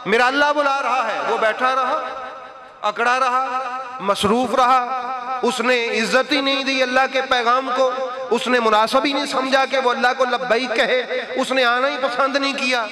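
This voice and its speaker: A man gives a Friday sermon in a very high, ringing voice. He keeps asking the congregation questions and acts out little dialogues. The crowd is clearly heard around him. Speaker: preacher. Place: mosque. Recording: live sermon with crowd sounds.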